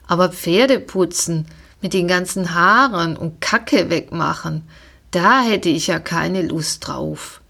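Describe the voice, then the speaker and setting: A woman's voice: fairly low pitch, takes it slowly, creaky, fairly bright tone, husky, heavily acted. A woman voicing a whiny, reluctant young girl in a storybook reading, with a childlike, complaining manner.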